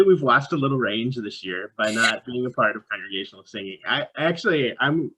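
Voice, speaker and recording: Guy pastor joking around and reading the bible, bright husky voice, kinda dull lo-fi sound. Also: mid-range voice. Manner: dry, joking, laughs at own lines. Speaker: pastor, co-host. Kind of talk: casual chat and scripture reading.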